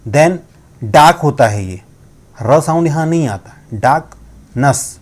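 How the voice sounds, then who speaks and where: Mellow-voiced man teaching pronunciation. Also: fairly high pitch, expressive. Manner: explains in Hindi with English words mixed in, slowly spelling out sounds. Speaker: English teacher. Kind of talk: spoken lesson on pronunciation. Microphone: laptop screen recording.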